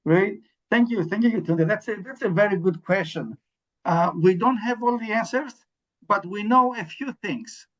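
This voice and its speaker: A man's voice: high voice, moderate pace, a bit bright, dull audio. A middle-aged man from Sweden, an interim dean, answering panel questions over a video call, with frequent ums and restarts. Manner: hesitant, many ums and restarts.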